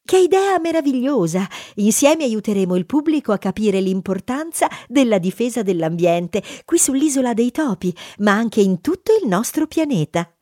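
A woman voicing a kind, gentle young female mouse with a sweet manner in an audiobook story. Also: a little high, big pitch swings, moderate pace, hardly any pauses, no echo, studio quality. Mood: delighted. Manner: warm and sweet. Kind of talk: audiobook character reading.

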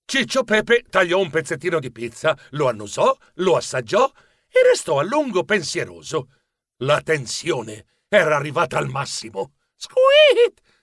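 A man narrating a children's audiobook in an animated storytelling manner. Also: fairly high pitch, normal speed, no echo, clean studio sound.

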